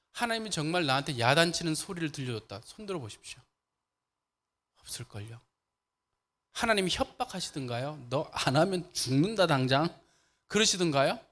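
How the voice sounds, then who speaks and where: A man preaching a sermon as pastor, asking the congregation questions and answering them, moving between loud fervor and soft, lowered speech, with frequent laughs. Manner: laughs often while preaching. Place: church sanctuary.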